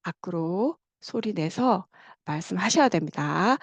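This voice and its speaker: A woman's voice: fairly low pitch, animated, no room sound. A woman teaching an online English lesson, patiently explaining and drawing out each phrase for the class to repeat. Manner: slow, drawn-out drilling of English phrases; patient explaining, frequent checking questions. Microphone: close mic, muted class.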